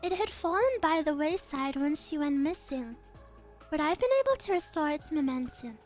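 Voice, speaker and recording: A woman voicing a refined, grave schoolgirl leader in a game story, formal and measured. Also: high voice, soft background music, voice pushed down, lightly acted. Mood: grave, explaining. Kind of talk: visual novel game dialogue read aloud.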